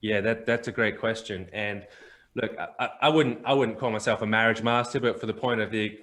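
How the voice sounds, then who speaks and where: A man's voice: fairly low pitch, fairly even intonation, brisk, a bit bright. A man on a podcast as a guest, earnestly telling a personal story and often repeating words as he restarts phrases.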